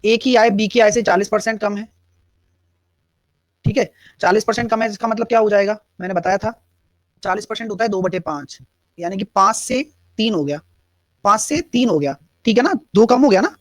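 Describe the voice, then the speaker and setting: A man's voice: high-pitched, fairly quick, pauses often, dry recording. A man teaching a live online math class, explaining step by step and answering students' chat questions. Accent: Hindi-English mix.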